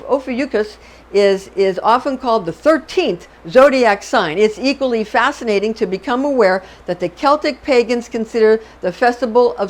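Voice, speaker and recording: A woman hosting an astrology channel, giving a chatty, digressive lecture and often checking in with the listener. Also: mid-range voice.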